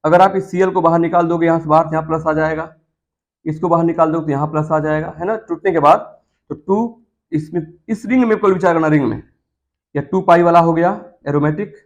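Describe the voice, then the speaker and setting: A man's voice: on the high side, brisk, lo-fi sound. A man teaching chemistry in a classroom lecture. He coaxes his students, repeats key terms and keeps asking them questions.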